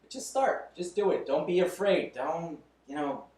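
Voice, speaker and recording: A man in his thirties with a fairly high, animated voice and a darkish tone speaks at a moderate pace. He's a podcast guest in a casual interview, talking loosely and candidly and chuckling between thoughts. The mic is distant and the room echoes noticeably.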